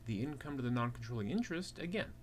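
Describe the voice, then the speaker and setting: With lively intonation and a quick pace, a medium-pitched man steps through a worked problem as a teaching assistant, peppering it with rhetorical questions. Keyboard typing sits in the clear background noise.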